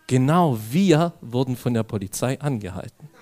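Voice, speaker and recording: Man preaching a lively personal story. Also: medium pitch, normal speed. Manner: animated storytelling, acts out dialogue; addresses audience directly. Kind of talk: sermon with personal anecdote.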